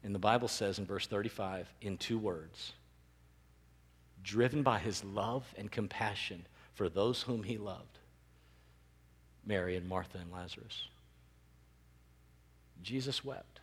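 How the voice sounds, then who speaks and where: A male pastor preaching a sermon, animated and rising to emphatic peaks. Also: fairly low pitch, unhurried, pauses often, breathy edge. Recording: long reverb of a large hall.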